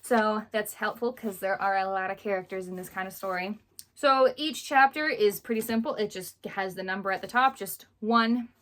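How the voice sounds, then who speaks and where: A young woman book vlogger chats casually about books in a mid-range, fairly bright voice at a normal pace. She's chatty and rambling and laughs often, though she sounds a little stuffy since she's under the weather.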